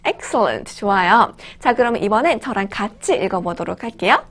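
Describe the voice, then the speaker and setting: Lively, encouraging woman teacher. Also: medium pitch. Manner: upbeat, encouraging, reads English example sentences slowly. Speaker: English teacher. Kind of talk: online language lesson.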